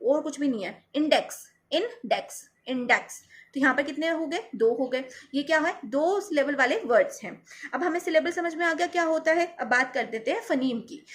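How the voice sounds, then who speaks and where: A young woman teaching a casual lesson with words, chatty, repeating example words slowly. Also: sits high.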